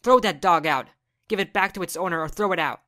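A woman voicing a furious, strict middle-aged mother who scolds harshly and shouts. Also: fairly low pitch, a little fast, natural voice.

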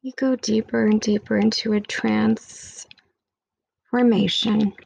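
A woman leading a guided meditation with soothing, hushed, intimate delivery and repetitive, hypnotic phrasing, close on the microphone. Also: medium pitch, little pitch movement, slow pace, creaky, slightly rough, low-quality recording.

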